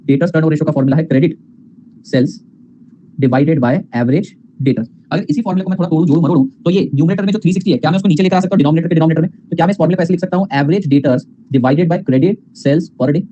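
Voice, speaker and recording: Fast-talking male accounting teacher. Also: fairly high pitch, dark tone, slight background noise, rough recording. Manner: mixes English terms, calls students "beta", asks and answers own questions. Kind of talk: classroom lecture.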